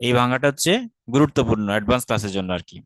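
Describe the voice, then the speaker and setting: A man from Bangladesh teaching Sanskrit grammar in an online class, explaining patiently, asking rhetorical questions and slowing down to recite verse syllables. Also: mid-range voice, a bit bright, dry recording. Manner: explains patiently, often asks rhetorical questions and checks understanding; slows down to chant verse syllables carefully.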